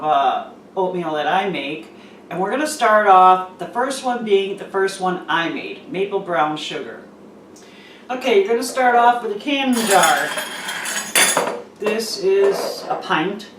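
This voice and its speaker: Middle-aged woman, easygoing home-cook host, casual demo delivery; roomy echo, distant mic. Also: medium pitch. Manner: easygoing, informal. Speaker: cooking video host. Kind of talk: casual recipe demonstration. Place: echoey half-packed home kitchen. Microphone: camera mic from a distance. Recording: echoey kitchen, distant mic, background noise.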